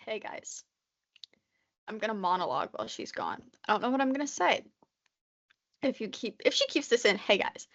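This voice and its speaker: A woman's voice: on the high side, very animated, a little fast, fairly bright tone, dull audio. A woman in her twenties co-hosting a podcast, chatting casually and rambling with lots of "like" fillers. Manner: rambling, constantly says "like", nervous chatter. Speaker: podcast co-host. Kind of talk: casual chat.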